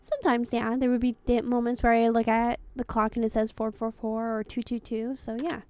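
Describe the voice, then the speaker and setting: A woman's voice: a little high, flat delivery, fairly quick, a little mellow, no echo. A young woman streaming a game, chatting casually, bluntly and with free swearing as she answers questions. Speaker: VTuber streamer. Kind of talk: casual gameplay commentary.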